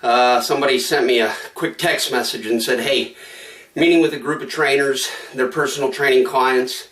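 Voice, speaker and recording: A man talking casually in a quick, conversational way, slightly out of breath mid-workout in his home gym, repeating phrases for emphasis as he pitches a product. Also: steady tone, a bit bright, echoey room, far from the mic. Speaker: product promoter. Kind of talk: casual sales pitch to camera.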